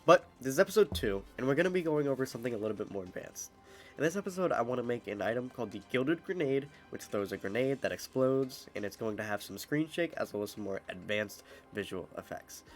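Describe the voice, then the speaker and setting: A young man hosts a screen-recorded modding tutorial, walking through the code step by step with lots of "uh"s. His medium-pitched voice is lively and fast but sounds slightly off after an illness, with soft music in the background.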